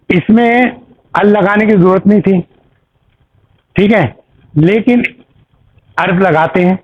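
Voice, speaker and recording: A man with a fairly high voice teaches a language class, walking through grammar step by step and checking in with his students. The sound is thin and tinny, like a phone line. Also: slight background noise. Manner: patient, explains step by step with examples and checks. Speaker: Arabic teacher. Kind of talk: classroom explanation.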